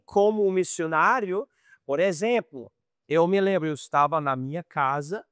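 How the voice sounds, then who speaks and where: American man teaching, high voice. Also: clean tone, no echo, studio quality. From United States. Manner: conversational, repeats and restarts words, acts out quoted dialogue. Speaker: missionary teacher. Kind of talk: informal Bible lesson.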